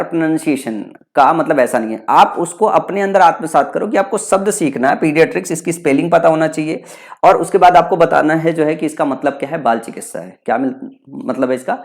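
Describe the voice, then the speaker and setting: Brisk and on the high side, a young man with a Bihari Hindi accent, from Bihar, India, delivers an exam prep lecture. He explains and repeats English vocabulary terms, often asking a question before supplying the answer himself.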